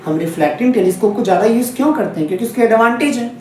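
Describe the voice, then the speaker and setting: A man's voice: high voice, very fast, a little mellow, heavy reverb, far from the mic, a little hiss or hum. A man teaching a physics lesson aimed at exams, who repeats key points and keeps checking in with his students. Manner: repetitive, checks in often with students. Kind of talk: exam-focused classroom lesson.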